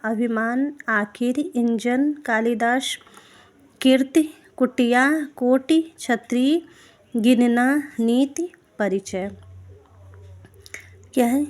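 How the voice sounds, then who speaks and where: A woman teacher giving an exam-prep spelling lesson, slowly reading out word lists and pausing to ask her students rhetorical questions. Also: sits high. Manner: slow, deliberate reading of word lists with brief explanations.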